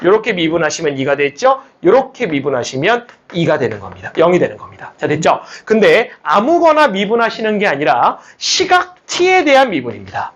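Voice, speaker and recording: A middle-aged male math teacher with a husky voice teaches a classroom lesson. His pitch swings up and down a lot as he explains each step. He teases his students and keeps throwing questions back at them. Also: huge pitch swings, normal speed, few pauses, fairly bright tone, muffled recording.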